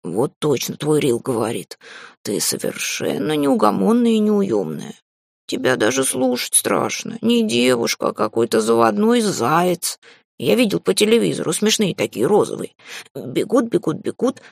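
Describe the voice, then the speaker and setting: A woman's voice: medium pitch, very animated, moderate pace, creaky, breathy edge, no echo, clean studio sound, exaggerated voice. A woman voicing a sly, lazy male cat familiar who drawls and teases. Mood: teasing. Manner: drawling, teasing.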